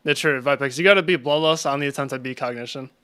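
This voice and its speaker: A man's voice: medium pitch, quick pace, a bit bright, clean tone. A man giving casual live-stream commentary while playing, chatting with his viewers between attempts. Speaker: gaming streamer.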